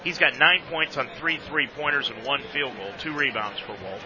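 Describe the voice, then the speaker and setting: A man's voice: medium pitch, animated, moderate pace, muffled recording, a crowd in the background. A man giving halftime basketball commentary as a sports broadcaster.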